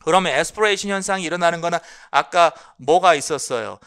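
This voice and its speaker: A man's voice: fairly high pitch, brisk, a bit bright, a little hiss or hum. A middle-aged man lecturing on English phonology for exam prep, mixing English terms into his speech and answering his own rhetorical questions. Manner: explanatory, asks rhetorical questions and answers them; mixes English terms into Korean.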